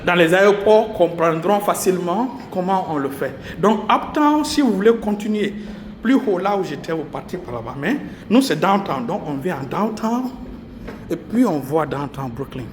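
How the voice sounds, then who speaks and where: A man with a high, animated voice makes a casual walking vlog, moving along a city street and down into a subway station. His explanations are slow, repetitive and halting, full of pauses and fillers, with city traffic and subway noise behind him.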